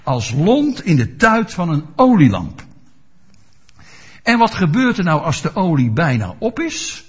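A man's voice: a little high, huge pitch swings, measured pace, husky. A male preacher giving a sermon, asking his listeners rhetorical questions and explaining scripture with everyday examples. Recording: dull lo-fi recording.

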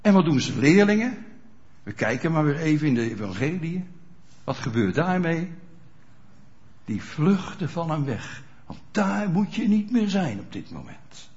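A man's voice: a little high, big pitch swings, unhurried, darkish tone. A man preaching a sermon in a conversational way, often checking whether listeners are following, in a dull lo-fi recording. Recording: dull lo-fi sound.

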